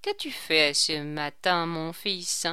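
A woman's voice: low-pitched, big pitch swings, slow pace, bright, forceful tone, clean tone, dry recording, studio quality, voice pushed down, exaggerated voice. Woman doing a sly mocking male court jester. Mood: teasing. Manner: teasing, ironic questions.

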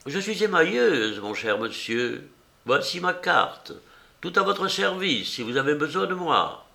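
A man's voice: fairly high pitch, sing-song, measured pace, vocal fry, bright, forceful tone, voice pushed up, exaggerated voice. A man voicing a garrulous, fussy old woman enameller who rambles on in a prim way. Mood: rambling. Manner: chatty, meandering, prim.

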